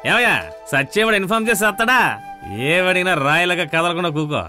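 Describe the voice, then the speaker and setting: An actor playing a loud, brash friend who mocks and jokes and wants to drink. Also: male voice, high voice, fast talker, lightly acted. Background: film score music.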